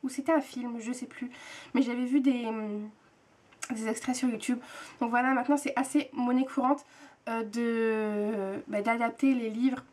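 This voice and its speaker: A woman's voice: on the high side, steady tone, normal speed, a little mellow. A young woman from France chatting casually to her viewers, hesitant with many fillers and repeated words. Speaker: book and TV vlogger. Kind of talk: casual chat to camera.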